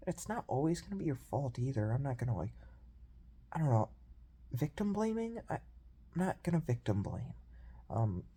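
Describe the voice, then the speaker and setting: A young man talking through a personal video diary in a reflective, rambling way, with many fillers and pauses. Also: on the high side, mellow, slightly rough. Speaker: video journal host.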